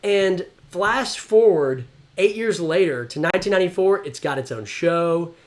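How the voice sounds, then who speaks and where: An excitable man with a high, swooping voice co-hosts a live show. He chats casually and enthusiastically as a fan. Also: normal speed.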